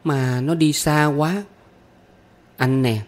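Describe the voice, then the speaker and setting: A man's voice: fairly high pitch, steady tone, slow pace, voice pushed up. A man voicing a pleading, sulky little girl with a Southern Vietnamese accent in an audiobook. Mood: pouty. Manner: coaxing, whiny pleading. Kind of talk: audiobook character voice.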